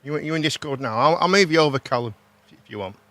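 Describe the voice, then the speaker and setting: A British man with a slightly high voice hosts a casual livestream. He talks informally, circles back over his own phrases and often tacks a question onto the end. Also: animated, fast, pushed and bright, no room sound. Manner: informal, repeats himself, ends on tag questions. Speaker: host.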